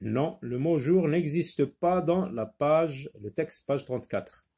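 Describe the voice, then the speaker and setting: A man teaching a phonics lesson, repeating words slowly and patiently, sometimes explaining in Arabic. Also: a little high, lively intonation, warm tone, slightly rough. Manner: switches briefly into Arabic to explain. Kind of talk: primary school phonics lesson.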